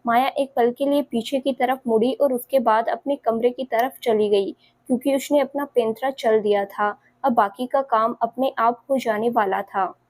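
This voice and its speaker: A woman narrating a dramatic family story in a steady storytelling manner. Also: a little high, moderate pace, dry recording.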